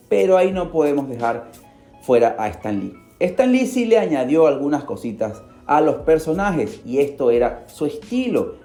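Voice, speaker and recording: A Peruvian man hosts a radio podcast in a dark, reverberant voice, captured on a studio microphone. He tells a story theatrically, speaking straight to the listener and swinging his pitch for emphasis.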